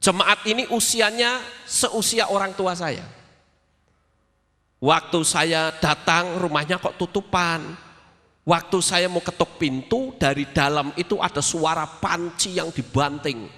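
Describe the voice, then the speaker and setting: Pastor guy preaching, acts out the voices in his stories, bright tone, big echoey church hall. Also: high voice, unhurried. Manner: animated storytelling, acts out voices and sounds. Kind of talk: sermon.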